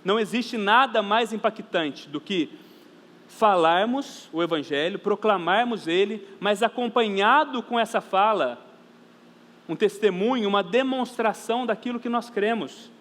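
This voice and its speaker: In a reverberant church hall with faint background noise, a man with a Brazilian Portuguese accent preaches as pastor. His high, fairly bright voice is unhurried yet earnest and emphatic, and he repeats phrases for stress while speaking to his brothers and sisters.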